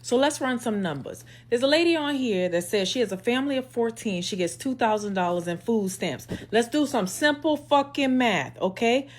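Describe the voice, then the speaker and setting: A woman's voice: on the high side, expressive, moderate pace, hardly any pauses. A woman on an angry, profane rant, lecturing sarcastically. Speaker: social media poster.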